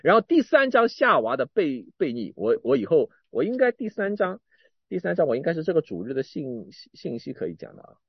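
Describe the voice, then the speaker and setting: The preacher's husky voice moves through a lively, swooping range as he restarts phrases, repeats words, and alternates loud emphatic bursts with soft asides. He speaks briskly, and the sound is dull and dry, with no room ambience.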